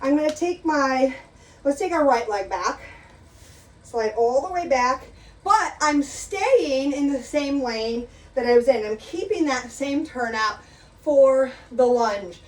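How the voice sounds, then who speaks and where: A woman's voice: high-pitched, expressive, slow pace. A middle-aged woman teaching an exercise class, chatty and encouraging, out of breath as she talks through the moves. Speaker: exercise instructor. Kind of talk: live exercise class instruction. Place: room with a chair, exercising. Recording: echoey room, mic at a distance.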